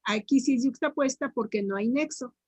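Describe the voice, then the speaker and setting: A Mexican woman teacher runs a grammar drill, her fairly high voice echoing each student answer. She draws words out slowly, syllable by syllable. The sound is dry and close. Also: husky. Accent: Mexican Spanish. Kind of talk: online grammar tutoring.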